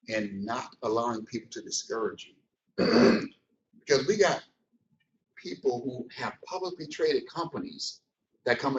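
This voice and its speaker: A man giving a motivational business training talk, speaking colloquially and acting out scenes as he tells stories. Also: mid-range voice. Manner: colloquial storytelling, animated, acts out scenes. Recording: echoey room, distant, dull.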